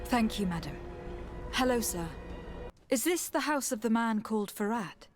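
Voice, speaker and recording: An actress voices a composed, diplomatic noblewoman envoy in a video game, speaking formally and politely with a calm, probing mood. Her voice is on the high side, animated, at normal speed and close to everyday speech. The voice is dry, with faint game music in the background.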